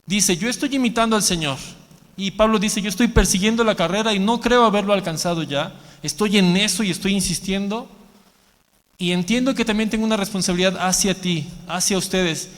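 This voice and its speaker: Man, pastor, lively sermon, congregation repeats after him, big reverberant hall. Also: high voice, fairly quick. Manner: animated preaching, leads the congregation in repeating a verse. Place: church hall. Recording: long church hall reverb.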